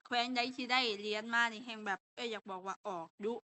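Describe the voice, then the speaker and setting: A woman's voice: medium pitch, fairly even intonation, quick pace, pushed and bright. A young woman with a Lao accent, teaching an online language lesson and explaining step by step with patient fillers.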